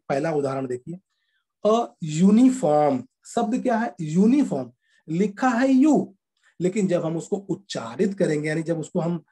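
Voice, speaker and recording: A man teaching a grammar lesson to children, explaining step by step and repeating each word slowly. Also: high-pitched, mellow, husky.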